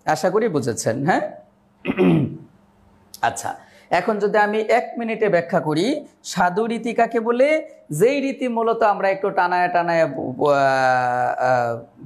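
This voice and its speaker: High-voiced man teaching a grammar class. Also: a little mellow. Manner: chatty and joking, recites verses slowly. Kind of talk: online exam-prep grammar class.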